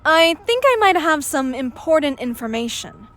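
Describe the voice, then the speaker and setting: An actress playing a serious, determined young journalism student in a video game, insistent and pointed. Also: female voice, high-pitched, very animated, moderate pace, fairly bright tone. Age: young adult.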